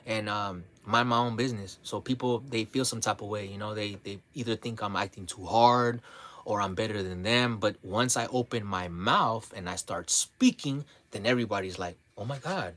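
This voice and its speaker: A man talking casually to his livestream audience, relaxed and blunt, sprinkling his talk with "man" and "bro", often repeating and restarting his words. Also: fairly low pitch, normal speed. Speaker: livestream host.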